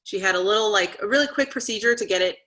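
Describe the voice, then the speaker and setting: A woman's voice: medium pitch, quick pace, bright, forceful tone. A woman in her thirties, a guest parent telling her story in a casual interview, chatty and earnest, acting out the conversations she recalls. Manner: chatty, with frequent "like" and "you know".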